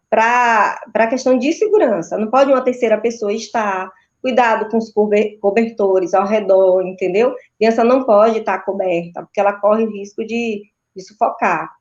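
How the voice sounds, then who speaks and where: A woman's voice: on the high side, darkish tone. A woman with a Brazilian Portuguese accent, a sleep consultant giving didactic answers in an interview and often checking in with tag questions. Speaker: maternal and child sleep consultant. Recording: dull, lo-fi video call audio.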